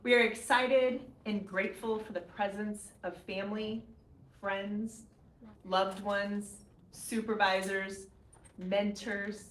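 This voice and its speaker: A middle-aged woman, a professor, hosting a graduation ceremony with a warm, measured formal welcome speech that names guests one by one. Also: mid-range voice, steady tone. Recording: echoey hall, faint ambient noise.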